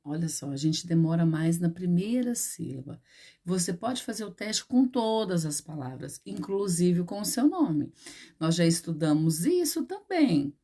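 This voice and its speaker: Brazilian schoolteacher, female, slightly low voice, patient and explanatory with lots of check-ins. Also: very animated, unhurried, mellow. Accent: Brazilian Portuguese. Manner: patient, explains step by step with frequent "né?" and "certo?". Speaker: primary school teacher. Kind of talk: remote lesson for children.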